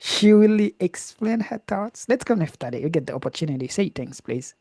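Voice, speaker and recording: A man with a Haitian accent who teaches English, leading a live debate over a video call with lively encouragement. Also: sits high, a little fast, dry recording, studio quality. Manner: lively, encouraging, switches between English and Creole.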